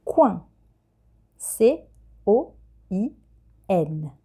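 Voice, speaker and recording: A woman teacher, giving a patient, clear dictation lesson to young children and spelling letters one by one. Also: mid-range voice, big pitch swings, drawn-out words, dark tone. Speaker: primary school teacher.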